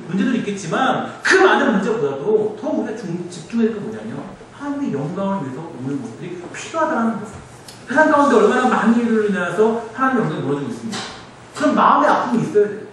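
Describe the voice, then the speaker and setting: A man delivers an earnest sermon and keeps asking the congregation questions. His voice sits high, swoops widely and moves fast. It is recorded from afar in a very echoey hall with faint background noise. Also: distant mic. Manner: earnest, animated preaching with frequent rhetorical questions. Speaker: pastor. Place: church sanctuary.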